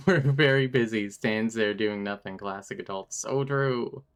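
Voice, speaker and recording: A man's voice: on the low side, measured pace, clear, resonant tone. A man streaming a game live and commenting with sarcastic jokes and frequent laughter. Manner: joking, sarcastic asides; laughs often while talking.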